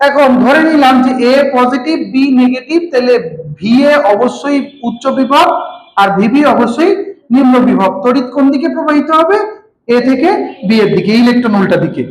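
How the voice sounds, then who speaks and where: A man's voice: extremely high pitch, moderate pace. Male teacher, patient lecturing, repeats terms, checks understanding, echoey room. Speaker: physics teacher. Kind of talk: classroom lecture.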